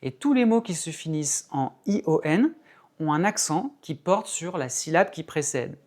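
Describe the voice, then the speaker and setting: Measured male English teacher explaining. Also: a little high, lively intonation, a little mellow. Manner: measured, stresses key words, demonstrates pronunciation examples. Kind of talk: explanatory video lesson.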